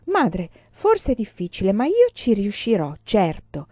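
A woman voicing a spirited, stubborn little girl in a storybook reading, speaking high and insistent. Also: huge pitch swings, unhurried, dark tone, no echo, lo-fi sound. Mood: bold.

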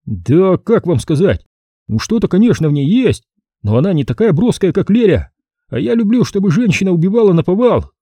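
A man's voice: high-pitched, big pitch swings, fairly quick, warm tone, slightly rough, no room sound, clean studio sound, voice pushed up, heavily acted. A man putting on a cheeky, sly young army captain. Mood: evasive. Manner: cheeky, wheedling, raised voice. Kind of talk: audiobook character voice.

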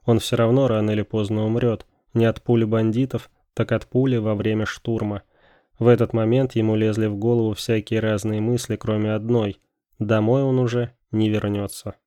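Low, flat-voiced male narrator. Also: moderate pace, no room sound, clean studio sound. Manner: calm, even storytelling. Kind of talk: audiobook narration.

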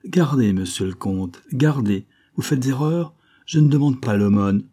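A man's voice: medium pitch, animated, unhurried, dark tone, pitched above the performer's own voice. A man voicing a sly, theatrical fairground showman who blackmails a count, speaking with grand emphasis. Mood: mocking, theatrical.

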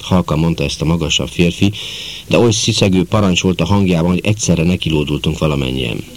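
A man reading a novel aloud in calm, measured narration, voicing the characters in dialogue. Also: low voice. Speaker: audiobook narrator.

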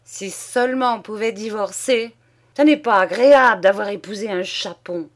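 A woman's voice: mid-range voice, normal speed, lightly acted. A woman reading aloud, voicing a crude older man, a former soldier who talks bluntly. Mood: gruff. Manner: coarse, blunt.

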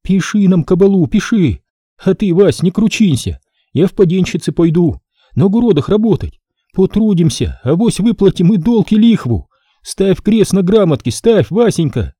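A man's voice: high-pitched, very animated, dark tone, breathy edge, no echo, clean studio sound, pitched above the performer's own voice, full character voice. A man doing a tearful, frightened peasant wife. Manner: tearful, hurried, comforting.

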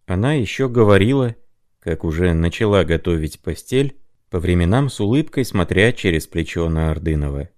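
Deep-voiced male audiobook narrator. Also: expressive, moderate pace, darkish tone.

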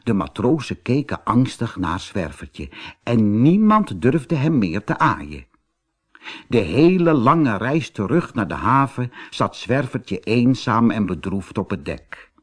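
A man reading a children's fairy tale aloud in an expressive, animated storytelling manner. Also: medium pitch, slow, breathy edge. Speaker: audiobook reader.

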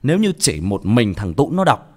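Blunt Northern Vietnamese man, lively pitch. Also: moderate pace. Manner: blunt, outspoken, self-mocking. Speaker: audiobook narrator. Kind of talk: casual monologue to listeners.

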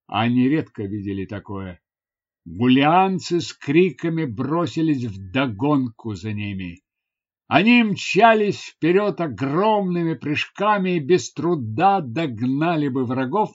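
A man narrating a first-person adventure novel in a dramatic, expressive reading, on a dull lo-fi recording. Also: medium pitch. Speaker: audiobook narrator.

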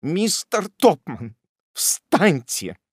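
A man's voice: high voice, very animated, very slow, husky, dry recording, clean studio sound, voice pushed up, exaggerated voice. A man voicing a shy, sentimental unmarried middle-aged aunt who speaks coyly, with a fluttering manner, in a storybook reading. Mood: flustered.

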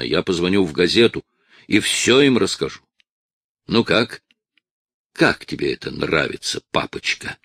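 A man voicing a desperate, tearful eighteen-year-old male addict who shouts and pleads with his father, in a dry, close recording. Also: low-pitched, no echo, full character voice.

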